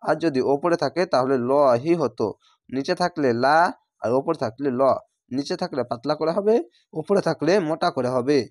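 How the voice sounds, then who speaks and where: A man with a Bangladeshi Bengali accent teaching spelled-out Quran reading, drawing words out slowly between explanations. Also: fairly high pitch, dry recording, studio quality. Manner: slow drawn-out recitation of words between explanations.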